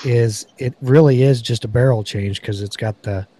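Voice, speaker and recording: A man's voice: mid-range voice, moderate pace, warm tone. A man hosting a casual podcast chat, reading off rifle features and specs. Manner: chatty, reads off product specs. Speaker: podcast host. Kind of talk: casual gun review chat.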